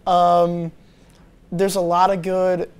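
A young man co-hosts a movie review show, chatting casually with many fillers and restarts. His voice sits high and is smooth, monotone and slow. He's recorded on a lapel mic in a small TV studio.

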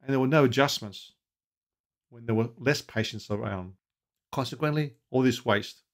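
A man's voice: mid-range voice, moderate pace. Man, 60s, consultant explaining kitchen practice to camera; plain, practical, anecdotal delivery. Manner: practical, anecdotal, asks viewers questions. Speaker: restaurant consultant. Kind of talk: advice video to camera. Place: home office with bookshelves, indoors. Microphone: webcam at desk.

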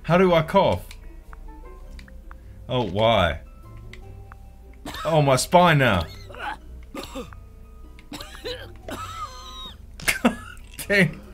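Young male gamer, casual exclamatory commentary, lively pitch, unhurried pace, faint music behind. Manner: exclamatory, swearing, laughs readily. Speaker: let's play gamer.

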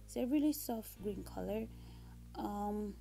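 Speaking a little slowly in a mellow, creaky, medium-pitched voice, a young woman chats casually while giving a makeup tutorial as a beauty vlogger. She records indoors in a small room at home on a phone held about arm's length away, with music in the background.

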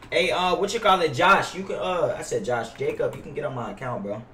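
Here a young American guy livestreams gameplay and banters casually with his audience, full of slang, profanity and repeated lines. He talks fairly quickly in a fairly high, fairly bright voice. A gaming headset in a small room captures him, giving a roomy, distant sound with faint noise and keyboard clicks.

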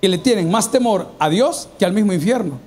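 Brief: Salvadoran man, pastor preaching a lively sermon in a church, very high voice, peppers the crowd with questions. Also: a little fast. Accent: Salvadoran Spanish. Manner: animated preaching, acts out quoted voices, asks the congregation questions. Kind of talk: sermon to a congregation. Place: church hall.

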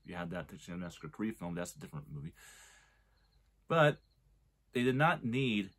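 This movie reviewer, a man in his forties, rambles casually and restarts sentences while making his argument. His deep voice has a sing-song lilt and a slightly bright tone, at a moderate pace.

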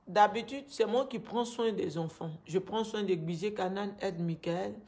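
A woman's voice: medium pitch, normal speed, a little mellow. Distressed woman with an Ivorian French accent. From Ivory Coast. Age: 30s. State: distressed, grieving. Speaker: vlogger making a personal appeal. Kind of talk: emotional personal testimony to camera. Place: small indoor room at home. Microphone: phone at arm's length.

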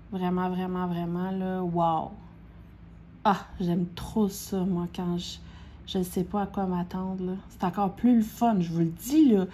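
A middle-aged woman with a Québécois accent chats through an unboxing in a slow, drawn-out way. She gasps and repeats her exclamations over and over. Faint room noise sits under her voice. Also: medium pitch, warm tone. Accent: Québécois French. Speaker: diamond painting vlogger. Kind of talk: excited unboxing chat.

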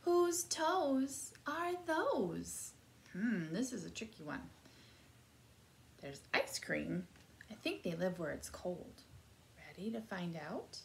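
Woman, children's story time reader, animated, whispered asides, very slow delivery. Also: on the low side, gravelly, a little hiss or hum. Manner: animated, gasps a lot, drops to whispered asides; drawn-out slow questions to the listener. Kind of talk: reading a picture book aloud to children.

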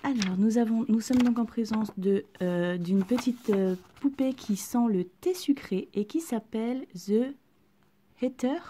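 Mellow-voiced woman gushing in half-whispers. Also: fairly high pitch, unhurried, a little hiss or hum. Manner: gushing and excited, often dropping to a soft whisper. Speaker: vlogger unboxing collectible figurines. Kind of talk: casual unboxing chat.

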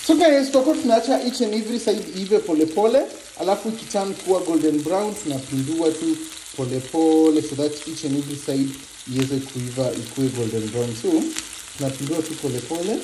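A man's voice: fairly high pitch, fairly quick, a little hiss or hum. Kenyan man chatting over sizzling pans. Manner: relaxed, chatty, mixes Swahili and English. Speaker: home cook vlogger. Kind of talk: casual cooking tutorial. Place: home kitchen. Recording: echoey kitchen with loud frying sizzle.

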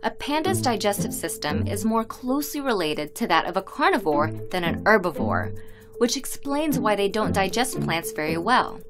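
Woman narrator, scripted documentary, clear, informative, lively intonation, over music. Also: medium pitch, normal speed.

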